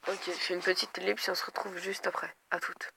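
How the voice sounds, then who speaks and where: This creaky voice sits high with little pitch movement, and he talks fast over a very noisy background. He's a gaming video creator, stuffed up with a cold, chatting casually to viewers about his gameplay while thinking aloud and hesitating.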